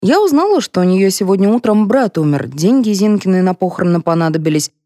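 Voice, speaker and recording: A woman reading a composed elderly lady who speaks in a measured, reproachful way, in an audiobook. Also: medium pitch, expressive, dark tone, dry recording, studio quality, close to an everyday voice. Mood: explaining. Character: composed elderly lady, dignified, cool-headed.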